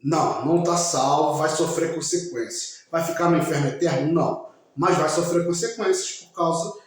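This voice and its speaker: A man giving a slow, emphatic religious talk, speaking directly to his listeners. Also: on the high side. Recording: very echoey room.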